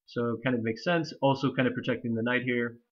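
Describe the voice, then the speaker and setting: A man's voice: mid-range voice, steady tone, quick pace. Nasal, stuffy young man analyzing chess. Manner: rambling, many fillers, hesitant restarts. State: stuffy from allergies. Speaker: chess commentator. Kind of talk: casual chess game analysis. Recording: slightly dull lo-fi recording.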